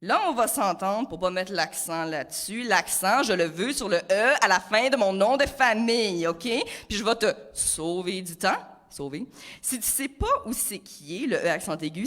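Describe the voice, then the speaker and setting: A woman's voice: medium pitch, animated, normal speed, few pauses, fairly bright tone. A 26-year-old woman with a Franco-Ontarian accent delivering a playful, rhyming comic chronicle full of wordplay. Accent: Franco-Ontarian French. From Ontario, Canada. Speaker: comic columnist. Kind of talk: humorous rhyming spoken chronicle.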